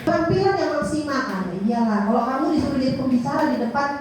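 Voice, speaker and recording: A woman leading a public speaking workshop at a school, lively and coaxing, often asking the class questions. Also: high voice, fast, slight background noise. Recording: echoey room, voice from far off.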